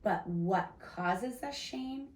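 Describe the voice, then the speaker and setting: A woman's voice: medium pitch, lively intonation, drawn-out words, slight background noise. Woman explaining earnestly in an echoey room. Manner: earnest, explanatory, many restarts and fillers. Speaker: podcast host. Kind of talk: casual faith-based discussion. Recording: echoey room, mic at a distance.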